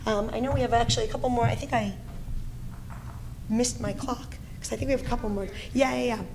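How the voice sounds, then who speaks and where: A middle-aged woman with a Brooklyn accent, giving a loud, animated conference talk and taking questions. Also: fairly high pitch, slight background noise. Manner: loud, animated, quick talker. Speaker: presenter. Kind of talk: conference presentation and Q&A.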